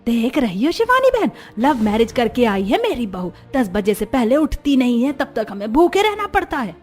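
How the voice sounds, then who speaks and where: A woman voices a bitter middle-aged mother-in-law in a cartoon story. She grumbles and complains in a fairly high voice. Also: very animated, moderate pace, darkish tone. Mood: complaining.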